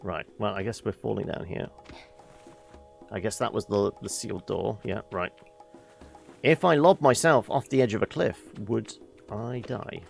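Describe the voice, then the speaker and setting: A gamer giving casual, low-key commentary while playing, muttering and reading story dialogue aloud. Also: a little slow, vocal fry, pauses often, soft background music.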